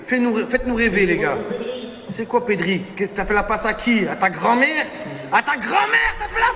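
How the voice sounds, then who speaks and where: High-pitched ranting male football fan. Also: big pitch swings, moderate pace, vocal fry, bright, forceful tone. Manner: ranting, repetitive, profane, swinging between muttering and screaming. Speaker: football fan reacting to a match. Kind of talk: emotional live match reaction. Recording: echoey reverberant room, crowd noise.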